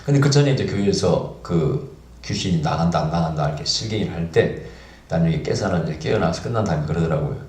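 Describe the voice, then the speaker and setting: Lively storytelling pastor, echoey church. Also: male voice, sits low, fast talker. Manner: animated, acts out dialogue in the story. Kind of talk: storytelling sermon.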